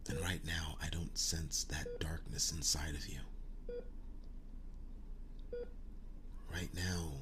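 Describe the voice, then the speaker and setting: In an intimate ASMR roleplay, a man plays a werewolf boyfriend who is tender, hurt and sincere, offering soft reassurance in halting phrases. His breathy voice sits low and often drops to a whisper, the mood gentle and solemn, with some background noise.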